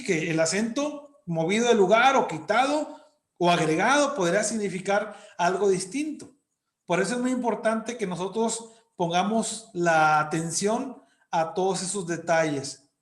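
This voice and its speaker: A man's voice: high-pitched, echoey room. A man teaching a Bible class to a congregation in a conversational way, often asking his listeners questions. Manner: conversational, asks the congregation questions, frequent "¿verdad?". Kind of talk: church Bible class lesson.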